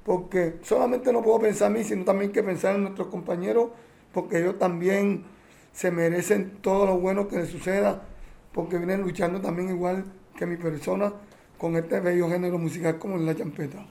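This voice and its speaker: High-voiced singer, earnest. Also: male voice, steady tone, a little fast, creaky, mellow. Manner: earnest, heartfelt, with frequent self-corrections. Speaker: champeta singer. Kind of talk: interview answers.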